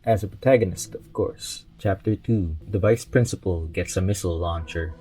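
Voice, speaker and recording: A young man with a lowish, mellow voice gives a relaxed book review. He talks through each chapter in a conversational way and drops in small jokes along the way. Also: low-quality recording. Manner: conversational, lightly joking asides.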